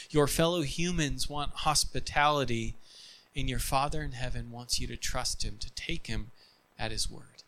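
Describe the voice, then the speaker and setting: A man preaching a sermon as pastor, earnest and emphatic, leaning on repetition, and closing in soft, quiet prayer. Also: medium pitch, rough recording.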